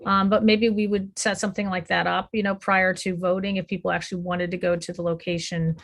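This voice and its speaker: A woman's voice: fairly low pitch, little pitch movement, brisk, creaky, noisy background. A woman chairing a town board meeting, meandering with frequent fillers. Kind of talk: public meeting discussion.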